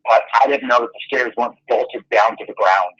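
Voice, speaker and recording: Man, over the phone, muffled dull line, mid-pitched, rambling, self-deprecating, casual interview guest. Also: brisk, a bit bright, breathy edge.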